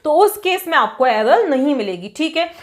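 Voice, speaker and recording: A woman with a bright, high voice teaches programming in a classroom style. She keeps asking rhetorical questions and then answering them herself, mixing technical terms into her speech. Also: sing-song, normal speed. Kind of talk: classroom-style coding lecture.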